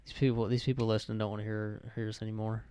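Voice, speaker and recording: A man's voice: fairly low pitch, flat delivery, rapid-fire, mellow, clean tone, no echo. A young man hosting a casual podcast chat, rambling and correcting himself as he goes. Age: young adult. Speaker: podcast host.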